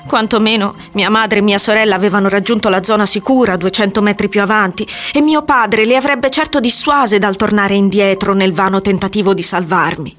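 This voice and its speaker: A woman giving a measured, dramatic scripted narration of a story. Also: mid-range voice, fairly even intonation, fairly bright tone. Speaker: audiobook narrator. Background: faint music.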